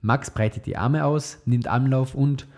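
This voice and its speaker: A man narrating a children's story aloud in a steady, clear read-aloud manner. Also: mid-range voice, measured pace.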